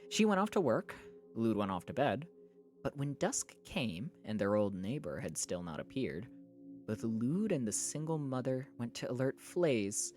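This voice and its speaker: Streamer, live book reading, animated pitch, snaps back at chat, reads narration low and slow. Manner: argues back at chat in exasperated bursts.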